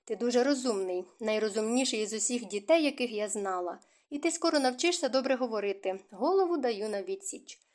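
A woman's voice: a little high, lively intonation, a little fast, hardly any pauses, a little mellow, lightly acted. A woman reading the lines of a devoted, stubborn nanny who fiercely defends the child in an audiobook. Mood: fervent. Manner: fervent, protective.

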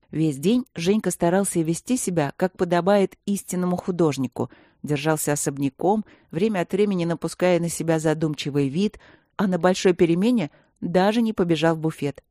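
A woman reading a children's story aloud in a lively, expressive way. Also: on the low side, no room sound, clean studio sound. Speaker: narrator.

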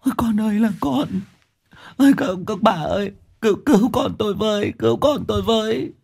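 A man's voice: high voice, very animated, fairly quick, gravelly, a little mellow, breathy edge, pitched above the performer's own voice, full character voice. Man doing a wailing grief-stricken young mother. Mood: sobbing. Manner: wailing, sobbing cries. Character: grieving young mother wailing for her baby. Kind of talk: storytelling. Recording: faint music behind.

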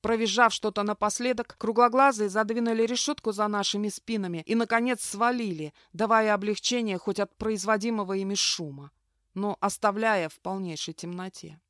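A woman narrates a first-person fantasy audiobook, reading with heated, vivid intensity. Her voice sits at a middle pitch in a dry, close recording. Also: normal speed, dry recording.

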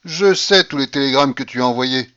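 A man voicing an imperious, sharp-tongued old woman who mocks everyone around her. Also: medium pitch, fairly quick, clean tone, no room sound, muffled recording, pitched above the performer's own voice, close to an everyday voice. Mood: scolding. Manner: loud, scolding, sarcastic.

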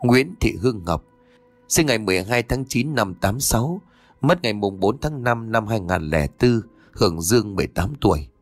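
A man voicing a curious young man in an audio story, murmuring softly to himself. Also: on the low side, expressive, normal speed, no room sound, faint music behind. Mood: reading aloud.

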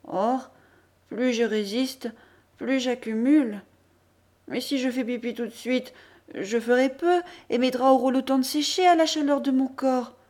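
A woman reading an audiobook, voicing a young boy who quietly reasons to himself. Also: high-pitched, fairly even intonation, measured pace. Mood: scheming. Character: sly anxious young boy. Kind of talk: audiobook character voice.

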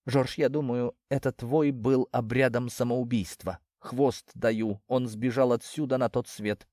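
A man voicing an indignant, sharp-tongued female cat who talks in a clipped way. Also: mid-range voice, steady tone, measured pace, no room sound, clean studio sound, natural voice. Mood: reasoning.

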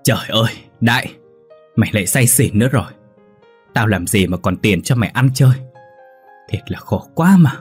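Một người đàn ông giọng khàn, giọng miền Nam, lồng tiếng một bà mẹ già khổ cực đang giận dữ quát mắng. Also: male voice, animated, fairly quick, slightly rough, soft background music. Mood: scolding. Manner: scolding, shrill outbursts. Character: angry worn-out old mother, shrill and wailing.

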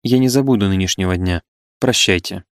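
A man's voice: low voice, a little fast, dry recording, clean studio sound. A man voicing a proud, wounded eighteen-year-old woman who speaks with impassioned reproach. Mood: reproachful. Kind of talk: audiobook character reading.

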